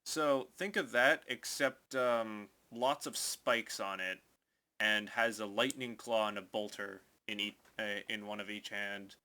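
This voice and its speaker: A man narrating as game master in a tabletop game, loose and halting with many fillers. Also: lowish voice, sharp tone.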